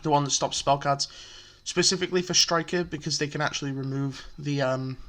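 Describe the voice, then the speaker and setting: Man, slightly high voice, casual, chatty, lots of ums, step-by-step explaining. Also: steady tone, brisk, fairly bright tone. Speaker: deck profile presenter. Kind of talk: casual card game explanation.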